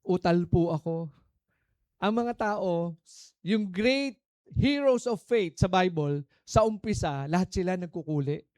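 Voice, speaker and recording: Filipino pastor preaching, dry and close. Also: male voice, sits high, unhurried, no room sound. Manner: preaching in Tagalog mixed with English, swinging between soft and emphatic; calls out to the congregation for answers, storytelling. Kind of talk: sermon.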